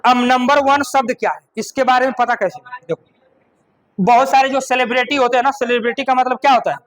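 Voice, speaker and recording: A man gives a classroom grammar lecture in a very high voice. His tone is bright and sharp. He repeats each point and keeps asking the class whether it is clear. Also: low-quality recording. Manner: asks the class questions and answers them himself; slows down to recite a couplet. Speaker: English grammar teacher.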